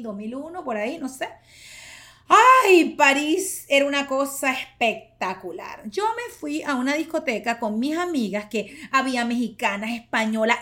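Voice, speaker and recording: This podcast host is a woman in her 40s with a high-pitched, somewhat bright voice. She spins casual stories in a playful, talkative monologue, with frequent laughter.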